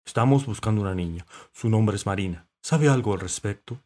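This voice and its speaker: A man's voice: on the low side, brisk, darkish tone, natural voice. A man voicing a sensible, fussy male cat who corrects the others in a matter-of-fact way.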